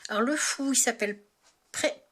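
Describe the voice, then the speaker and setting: A woman's voice: on the high side, normal speed, fairly bright tone, slightly rough. A woman hosting a tarot video, chatting casually and hesitantly, searching aloud and restarting her sentences. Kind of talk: casual spoken deck review.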